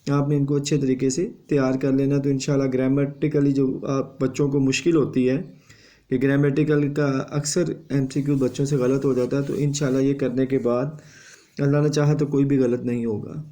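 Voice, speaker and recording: A man's voice: medium pitch, level tone, mellow. A male teacher giving an exam revision lesson. He lectures steadily and repeats a confirming tag after each point.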